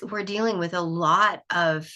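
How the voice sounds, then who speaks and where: A woman's voice: on the low side, fairly even intonation, a little slow, pushed and bright. A woman hosting a solo podcast, sounding nasal from allergies, musing aloud in a reflective, questioning way. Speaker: podcast host.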